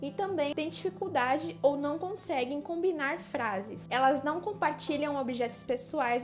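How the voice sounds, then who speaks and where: A young woman with a Brazilian Portuguese accent, a psychology student presenting an explainer video in a chatty way that speaks directly to viewers. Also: high voice. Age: young adult.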